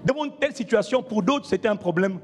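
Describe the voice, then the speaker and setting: A man's voice: high voice, animated, quick pace, long reverb tail, loud music behind the voice. A man preaching a sermon as pastor, emphatic and calling out to the congregation. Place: church.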